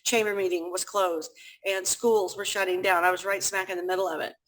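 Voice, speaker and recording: A woman's voice: mid-range voice, level tone, fairly quick, poor audio. Woman, pantry founder, chatty storytelling, acts out quotes, video call sound. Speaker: food pantry founder, guest. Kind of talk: casual interview storytelling.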